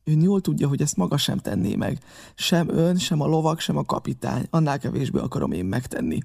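A man's voice: a little high, lively intonation, creaky, a little mellow, slightly rough, pitched above the performer's own voice, full character voice. A man voicing an honest, earnest young cabin boy pleading with an elder, in an audiobook reading. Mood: firm.

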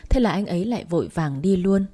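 A woman narrating a first-person story in a steady reading voice. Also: on the low side, fast.

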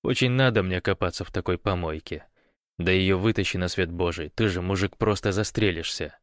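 A man's voice: deep voice, fairly quick, no room sound, studio quality, natural voice. A man doing a sardonic weary man. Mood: mocking.

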